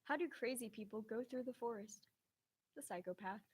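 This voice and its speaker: A woman's voice: fairly high pitch, moderate pace, husky. A woman trading dad jokes as a contestant, giving short setups and punchlines. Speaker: joke contestant.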